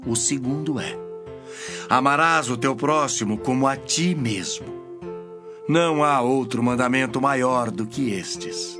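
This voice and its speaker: An actor playing Jesus as an authoritative teacher in a dramatized scripture reading, speaking in a solemn, emphatic, declamatory manner. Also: male voice, mid-range voice, measured pace, music in the background, close to an everyday voice. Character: Jesus, authoritative male teacher answering challengers with parables.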